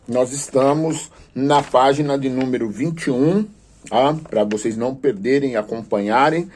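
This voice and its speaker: A man gives a church-based grammar lesson, his voice sitting at an ordinary middle pitch. He hesitates often, filling gaps with drawn-out sounds, then explains each point in a patient, teacherly way. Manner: hesitant, many filler sounds and restarts, then steady explaining. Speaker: teacher of Portuguese for a theology course. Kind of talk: classroom lesson with prayerful asides.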